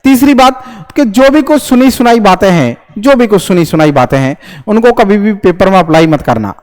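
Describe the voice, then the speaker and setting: A young man teaching English grammar in Hindi, lecturing to students and firing quick questions he answers himself. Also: sits high. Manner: lively, repeats checks like "understood?". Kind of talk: classroom lecture.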